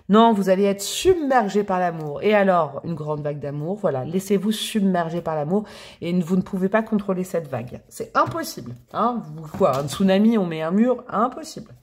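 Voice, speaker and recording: A chatty woman reading tarot cards straight to her viewers in a loose, playful manner. She talks at a middling pitch, tosses in fond nicknames for her audience, and keeps the tone easy and conversational. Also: lively intonation, moderate pace, darkish tone. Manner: chatty and playful, with affectionate pet names. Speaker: tarot reader. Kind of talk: casual tarot reading to camera.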